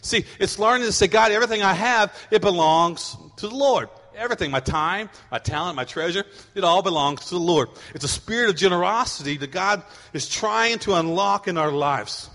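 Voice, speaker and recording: A man's voice: sits high, a little fast, hardly any pauses, in a large hall. A middle-aged man preaching a sermon as pastor, telling stories and acting out his kids' voices. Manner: animated storytelling, acting out voices of kids.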